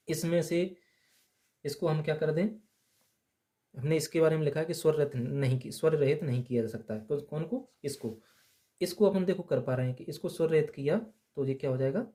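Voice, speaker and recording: A man teaching grammar in a steady lesson, asking the class questions and answering them himself, repeating the key points. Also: a little high, moderate pace, pauses often. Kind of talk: slow blackboard lesson.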